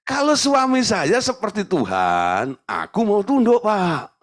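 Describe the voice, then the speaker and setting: A man's voice: sits high, huge pitch swings, slow, voice pushed up, exaggerated voice. A man voicing a young wife who pleads with her pastor, asking whether she must submit to her husband. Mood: pleading.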